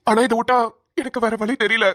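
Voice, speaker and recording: A woman's voice: a little high, little pitch movement, a little fast, a bit bright, no room sound, clean studio sound. A woman voicing an earnest, protective young male police officer in a cartoon, talking urgently and stammering at times. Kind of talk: cartoon voice acting.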